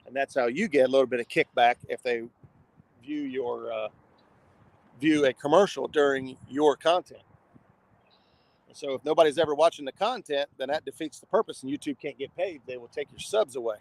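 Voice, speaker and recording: A man with a gravelly voice chatting casually and in a folksy way as he hosts an outdoor fishing livestream, sometimes reading comments aloud. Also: mid-range voice, normal speed, no echo. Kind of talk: casual live chat while fishing. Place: outdoors on a riverbank. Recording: noisy outdoor livestream with traffic sounds.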